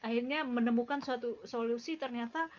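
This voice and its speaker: A woman hosts an interview and frames her long questions slowly, pausing often on "eh". Her voice is fairly high. The recording sounds dull and lo-fi. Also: steady tone, a little mellow. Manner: hesitant, many "eh" fillers. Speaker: interview host. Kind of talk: hosting an interview.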